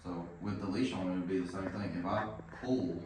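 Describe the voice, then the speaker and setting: A man working as a dog trainer, coaching an owner in a relaxed, explanatory way with many "like" and "right?" checks. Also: low-pitched, brisk, noisy background. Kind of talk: casual instruction. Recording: very echoey room, mic at a distance.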